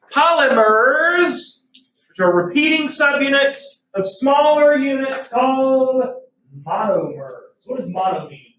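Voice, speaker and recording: Male science teacher, high voice, folksy lecture style, recorded from across a roomy classroom. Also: a bit bright. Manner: folksy, asks the class questions. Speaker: biology teacher. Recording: roomy classroom audio from a distant mic.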